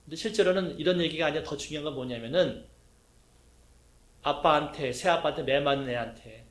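A middle-aged male pastor preaches a sermon. His voice sits a little high for a man, and he keeps throwing questions to the congregation and acting out little quotes. The room around him rings with echo. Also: fairly quick. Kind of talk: sermon teaching.

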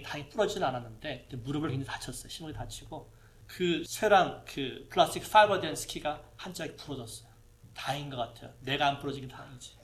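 Pastor man with a raised, higher voice. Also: a bit bright. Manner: conversational preaching, rhetorical questions to the congregation. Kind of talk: sermon. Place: church hall with a projector.

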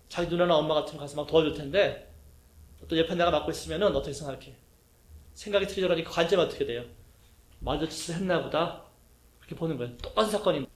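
Korean-speaking pastor preaching in an echoey hall. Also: male voice, fairly high pitch. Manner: lively preaching with acted-out quotes and questions to the congregation. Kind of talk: sermon teaching.

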